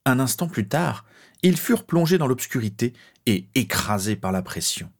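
A man narrating a fantasy story as an audiobook, measured and dramatic. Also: medium pitch, sing-song.

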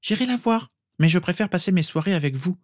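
A man's voice: high voice, animated, fairly quick, no echo, studio quality, voice pushed up. A man voicing a cheerful, affectionate young girl in a storybook reading, in an eager, lifted delivery.

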